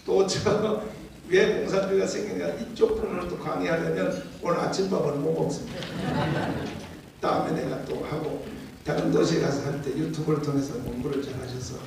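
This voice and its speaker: A high-pitched man in his sixties with a Gyeongsang accent preaches fiery and loud, dropping to mutters and then bursting into shouts. His voice rings around a large echoey hall, picked up from a distance with faint room noise. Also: fairly even intonation, a little fast. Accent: Gyeongsang Korean. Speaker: pastor. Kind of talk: fiery political sermon. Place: large hall at a breakfast gathering.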